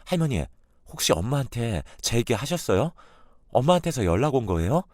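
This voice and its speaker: A man's voice: medium pitch, very animated, brisk, a little mellow, no room sound, clean studio sound. A man voicing an upset, indignant young married woman in a radio drama. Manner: pleading, then sharply indignant.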